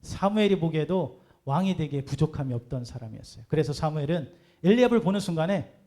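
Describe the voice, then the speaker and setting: A man's voice: a little high, animated, fast, dark tone. A man preaching a sermon as pastor, talking conversationally and putting rhetorical questions to the congregation.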